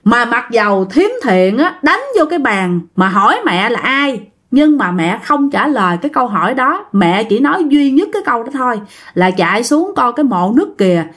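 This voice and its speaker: A woman's voice: a little high, very animated, normal speed, fairly bright tone. A woman casually telling a ghost story, chatting directly to her listeners.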